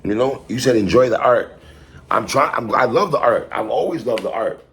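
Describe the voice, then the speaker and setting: This hip hop album reviewer from New York City has a mid-range, fairly bright voice and an animated delivery at normal speed. His take is loose and opinionated, leaning on slang, repetition and emphasis as he addresses the artist head-on.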